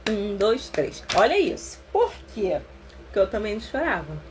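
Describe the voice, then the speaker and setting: A Brazilian woman therapist leading a casual live book-club talk, chatty and expressive, slowing down to stress her points. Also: mid-range voice, a little hiss or hum. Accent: Brazilian Portuguese.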